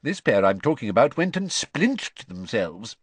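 Sex: man. Figure: a man playing a cheerful middle-aged father. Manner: chatty, matter-of-fact, lively. Quality: slightly husky. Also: mid-range voice, measured pace, no echo, pitched above the performer's own voice.

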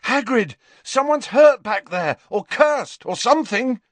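A man reading an audiobook voices a teenage boy wizard who shouts urgently over the wind. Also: very high-pitched, lively intonation, measured pace, dry recording, pitched above the performer's own voice. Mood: urgent shouting.

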